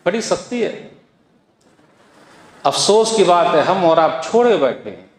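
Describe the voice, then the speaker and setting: A man's voice: high voice, very animated, measured pace. A man preaching a Friday sermon, exhorting the listeners with rhetorical questions and quoted scripture. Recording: echoey hall with long reverb.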